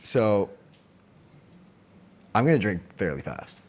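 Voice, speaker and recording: A man's voice: fairly low pitch, very animated, slow pace, darkish tone. A young man hosting a casual podcast, chatting in an informal, slangy, profane way with a friend. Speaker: podcast host. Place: villa in Greece, in-person podcast.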